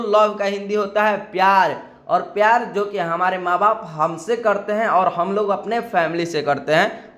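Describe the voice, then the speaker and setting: Indian male tutor, high voice, unhurried, spells words out and repeats them for learners. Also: a bit bright. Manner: spells words letter by letter, repeats each word slowly. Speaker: English teacher. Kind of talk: spoken English lesson.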